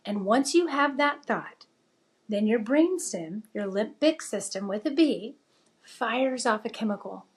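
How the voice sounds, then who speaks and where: A middle-aged woman from the United States telling her life story as an interview guest, lively and animated, acting out the voices she quotes. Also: a little high, unhurried. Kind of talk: personal storytelling.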